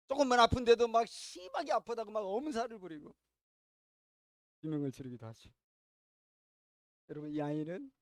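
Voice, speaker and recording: A man preaching a sermon as pastor, telling a story with sharp swings between loud and quiet and asking the congregation questions. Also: high-pitched, clean tone, no echo, studio quality.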